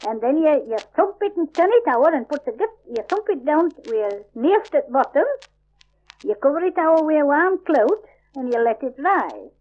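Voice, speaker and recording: A woman's voice: high voice, big pitch swings, normal speed. An older woman with a broad, old-fashioned Yorkshire accent, explaining step by step in homely, informal dialect. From Yorkshire, England. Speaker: home baker, dialect speaker. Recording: dull lo-fi 1950s archive recording.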